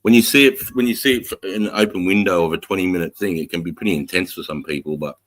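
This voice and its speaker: Aussie bloke in his 40s, real deep voice, blunt, swears a lot, loads of slang. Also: fast, fairly bright tone. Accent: Australian. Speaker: military veteran and podcast talker. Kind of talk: casual chat.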